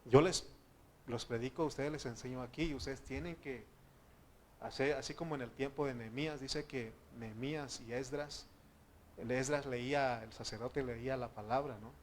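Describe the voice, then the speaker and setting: Man, Mexican Spanish accent, pastor, conversational sermon, fervent prayer, mid pitch, faint background noise. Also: moderate pace. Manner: conversational preaching with anecdotes, rising to fervent prayer.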